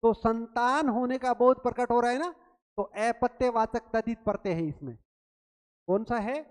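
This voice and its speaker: A woman teaching a grammar quiz lesson, asking questions and answering them herself, repeating key words slowly. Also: on the high side, a little mellow. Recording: long reverb, roomy sound.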